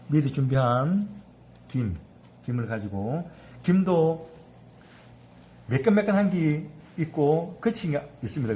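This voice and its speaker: Man in his fifties, cooking instructor, mellow voice, faint background noise, chatty demo style. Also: mid-range voice. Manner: chatty, keeps asking for agreement. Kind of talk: hands-on cooking demonstration.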